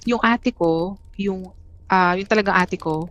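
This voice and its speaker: A woman from the Philippines, a guest telling a personal story in a casual, halting way, with many restarts and fillers. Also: mid-range voice, fairly bright tone. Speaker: interview guest.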